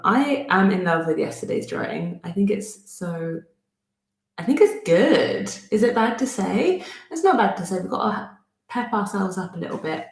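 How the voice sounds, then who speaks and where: This Bristolian-accented art teacher, a woman in her thirties, chats her way through a friendly drawing tutorial step by step at her indoor home desk, thinking out loud and poking fun at herself. Her medium-pitched voice is creaky and a little mellow, heard in an echoey room.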